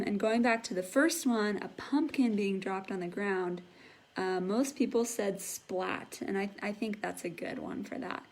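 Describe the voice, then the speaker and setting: A woman teaching a live online English class, patiently explaining words and encouraging her students. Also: mid-range voice. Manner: patient, encouraging, imitates sound effects.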